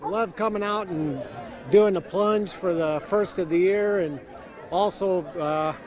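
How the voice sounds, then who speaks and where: High-voiced man amid outdoor crowd. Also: takes it slowly, darkish tone. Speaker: charity plunge participant. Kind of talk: casual interview answer. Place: outdoors at a riverside event. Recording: outdoor crowd noise behind.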